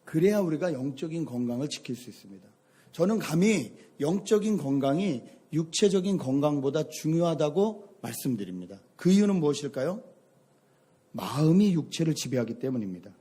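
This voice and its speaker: Husky-voiced male pastor preaching. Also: a little high, a little fast. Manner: storytelling, animated anecdotes. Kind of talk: sermon.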